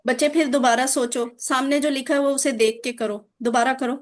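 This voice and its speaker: A woman teacher giving a grammar lesson over a video link, drilling forms with slow, patient repetition. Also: high voice, steady tone. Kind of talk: online Arabic grammar lesson.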